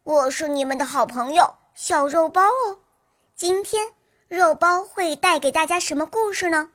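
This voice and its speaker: A woman hosts a children's storytelling program, greeting young listeners in a cute, sing-song way. Her voice is very high and sweet. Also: moderate pace, a bit bright.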